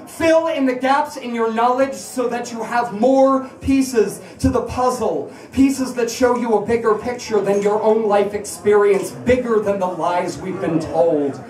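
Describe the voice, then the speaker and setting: A woman with a slightly high, darkish voice delivers fiery spoken word to a bar audience, repeating lines for rhetorical effect in a confrontational, emphatic style. The live indoor recording is echoey, picked up from a distant mic.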